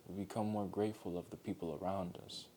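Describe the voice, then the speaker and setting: Speaking quickly in a steady tone, a low-voiced man delivers a sincere, gentle motivational monologue. He keeps returning to key phrases, and a faint low rumble can be heard in the background.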